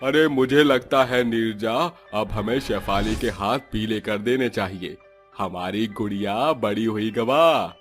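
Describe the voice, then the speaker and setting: A loud, rough village father in a cartoon, as a man plays him, calling out. The voice sounds raised and set back from the mic, with music well up behind it. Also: on the low side, takes it slowly.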